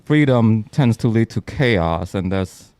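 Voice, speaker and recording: A man in casual conversation, talking slowly and deliberately as he makes his point. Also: lowish voice, expressive, darkish tone, no echo, studio quality. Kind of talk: casual chat.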